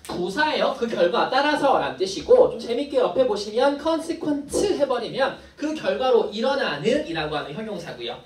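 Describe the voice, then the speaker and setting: A woman teaching an English vocabulary class, explaining each word briskly and adding playful asides to her students. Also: a little high, big pitch swings. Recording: echoey classroom from far off.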